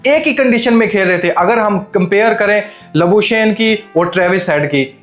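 A young man speaks to camera in a high voice, breaking down a cricket final with rhetorical questions and English phrases mixed in. He wears a lapel mic in a small studio set. The sound is roomy with faint music beneath. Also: moderate pace. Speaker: cricket commentator. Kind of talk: opinionated match analysis to camera. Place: indoor studio set with armchair.

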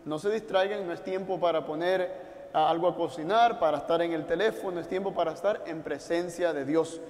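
Male priest, Puerto Rican Spanish accent, leading mass in a gently pastoral way, echoing through a church. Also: a little high, a little fast. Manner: warm pastoral, direct appeals to listeners at home. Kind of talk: liturgical address to an online congregation. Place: church altar. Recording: long church reverb.

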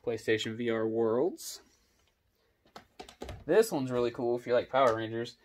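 A young man casually running through his video game collection, giving quick offhand comments on each title. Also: medium pitch, darkish tone, a little hiss or hum. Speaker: gaming YouTuber.

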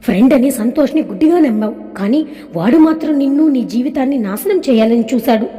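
A woman's voice: high-pitched, expressive, brisk, dark tone, big-room sound. A woman voicing an older father-in-law who scolds his family sternly. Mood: lecturing.

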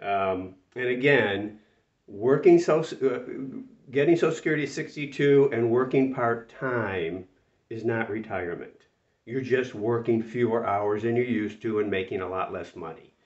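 Here an older man in his sixties, a retirement channel host, delivers talking-to-camera commentary in a medium-pitched voice at moderate speed. Exasperated and emphatic, he repeats words for stress, his voice slightly nasal with a cold. The small indoor room with a whiteboard and his few-feet distance from the mic give a roomy, distant, somewhat dull sound.

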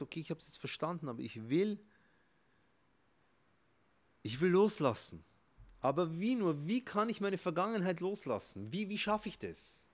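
A man, a rabbi, giving an emphatic motivational talk that swings between soft and loud. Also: on the high side. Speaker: rabbi and therapist.

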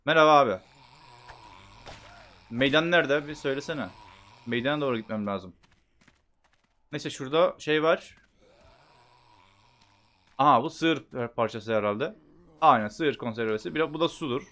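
A man giving casual gameplay commentary, chatting to himself and bursting into loud shouts at the game. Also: mid-range voice, moderate pace, pauses often. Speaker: gameplay streamer.

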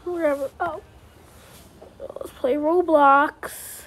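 Woman, high and slow, whiny and exasperated, for a solo comedy skit. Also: a little mellow, poor audio. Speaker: skit maker.

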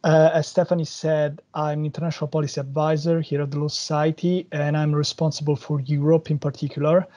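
A man from Italy with an Italian accent, giving a measured, explanatory webinar presentation over a video call. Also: fairly high pitch, flat delivery, dark tone, muffled recording. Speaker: policy advisor speaker.

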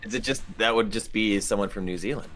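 A man's voice: lowish voice, quick pace, a bit bright. A man playing a party game on stream, joking and teasing in casual banter. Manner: playful, laughing, teasing.

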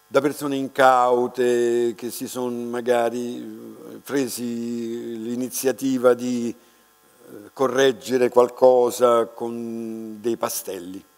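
An older man, an art restorer, giving an unscripted lecture at a lectern, reflective and unhurried, pausing often and restarting his words. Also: mid-range voice, little pitch movement, creaky, a little mellow. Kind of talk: slow, unscripted lecture to an audience. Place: large dark lecture hall, standing at a lectern. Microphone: lectern microphone. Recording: reverberant lecture hall with mains hum.

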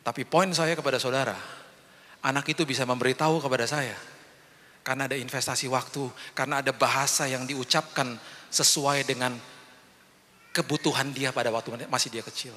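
A man's voice: mid-range voice, fairly even intonation, a little fast, long pauses, sharp tone. A middle-aged man preaching a sermon as pastor, telling personal stories, acting out the voices in them and speaking directly to his congregation. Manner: personal storytelling that acts out the voices in the dialogue. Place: large church hall. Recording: long hall reverb from the church.

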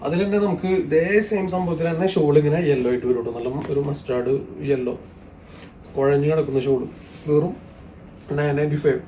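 A man with a Kerala accent giving a repetitive sales pitch as a shop presenter, mixing many English words into his Malayalam. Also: brisk, warm tone. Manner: repetitive, salesy patter with frequent tag words. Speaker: shop presenter selling women's outfits. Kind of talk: sales pitch showing products. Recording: roomy, distant mic, faint background noise.

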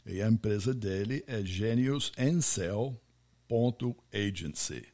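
An American man, a podcast host, speaking Portuguese in a friendly business interview and slowly spelling out names and web addresses. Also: on the low side, animated, darkish tone. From United States.

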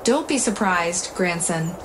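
A woman voicing a frail, lonely old grandmother who speaks softly and weakly, with faint noise in the recording. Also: lowish voice, expressive, measured pace. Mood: weary. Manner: soft, weak-voiced.

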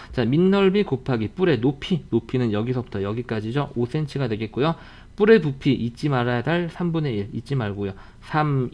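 A man teaching a math lesson in an online video lecture, walking through problems briskly and repeating reminders between friendly asides. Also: medium pitch, a little mellow, lo-fi sound.

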